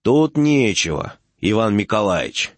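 A man's voice: medium pitch, very animated, takes it slowly, husky, no echo, exaggerated voice. A man reading the part of an impatient country doctor who scolds and mocks his patients. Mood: scolding. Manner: mocking, scolding. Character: gruff rural male doctor, impatient and scolding.

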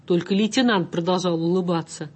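A woman narrating a story aloud in an even, measured way. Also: on the low side, breathy edge. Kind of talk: audiobook story reading.

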